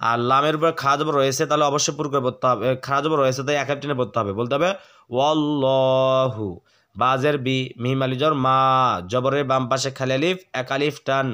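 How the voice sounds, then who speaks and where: A man with a smooth, resonant voice teaches Quran recitation. He breaks each word into its letters, then chants the whole phrase slowly and stretched out. He speaks at a middle pitch, close to the mic. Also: fairly even intonation, bright, forceful tone. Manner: breaks words into letter-by-letter drills, then recites them drawn out.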